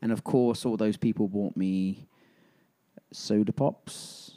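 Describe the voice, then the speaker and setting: A man's voice: fairly low pitch, fairly even intonation, takes it slowly, mellow. A man in his fifties with an Alabama Southern accent, chatting casually on a podcast. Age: 50s. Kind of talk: casual chat.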